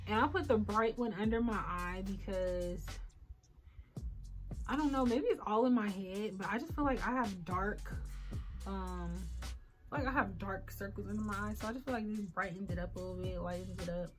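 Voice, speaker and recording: A woman's voice: mid-range voice, normal speed, soft background music. Chatty young woman vlogging. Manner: chatty, rambling, frequent ums and likes. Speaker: beauty vlogger. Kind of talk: casual get-ready-with-me chat.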